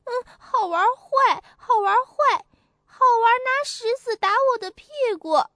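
A woman's voice: very high voice, lively intonation, normal speed, a bit bright, no room sound, studio quality, pitched above the performer's own voice, full character voice. A woman voicing a small, hurt young monkey who tattles in a whiny voice, over faint music. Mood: upset.

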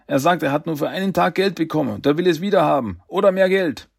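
A man voicing an insistent island local in a storybook reading, hurried and pushy. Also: on the high side, sing-song, vocal fry, slightly rough, dry recording, studio quality, pitched above the performer's own voice, heavily acted.

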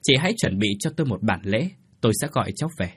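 A man voicing a solemn middle-aged male exorcist, explaining in a grave, measured way. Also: fairly low pitch, sing-song, slightly rough.

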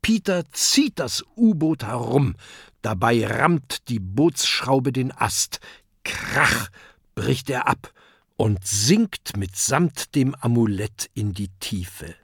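A man narrating a children's adventure audiobook in a lively storytelling manner. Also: mid-range voice, takes it slowly, gravelly, breathy edge, no room sound, clean studio sound. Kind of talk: scripted narration.

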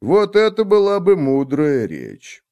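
A man voicing a big, lazy male buffalo who drawls slowly and teases. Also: a little high, huge pitch swings, dark tone, pitched above the performer's own voice, exaggerated voice. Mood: mocking. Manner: slow, drawling, teasing.

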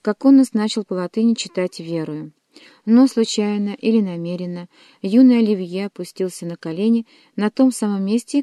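A woman narrating an audiobook in a measured, dramatic reading style. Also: mid-range voice, mellow, no room sound, clean studio sound.

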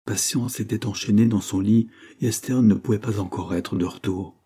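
Husky, low-voiced male audiobook narrator. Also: normal speed, warm tone. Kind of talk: scripted narration of a novel.

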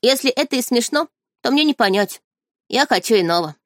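A woman reading an audiobook, voicing a magical tiger cub in a small boy's form who speaks in a flat, indifferent way and keeps demanding food. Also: a little high, fairly quick, no room sound, clean studio sound, pitched above the performer's own voice. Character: magical tiger-cub beast as a small boy, blunt, always hungry.

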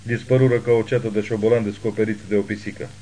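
A man narrating an audiobook novel with steady, measured reading. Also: lowish voice, slight background noise, low-quality recording. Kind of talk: scripted narration.

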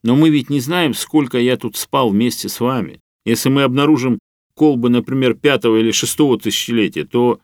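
A man's voice: medium pitch, a little fast, a little mellow, no echo, clean studio sound, pitched above the performer's own voice, close to an everyday voice. A man voicing a composed young man from the distant future who reasons carefully.

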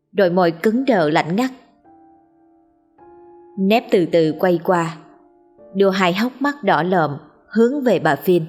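A woman narrating a horror story in a steady, grave manner. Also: fairly low pitch, slightly rough.

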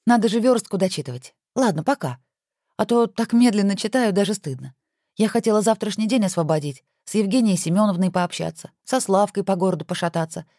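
A woman's voice: mid-range voice, no echo, clean studio sound, pitched above the performer's own voice, close to an everyday voice. A woman voicing a flustered, easily offended wife in an audiobook. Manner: quick, indignant, excitable. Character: flustered, touchy young wife.

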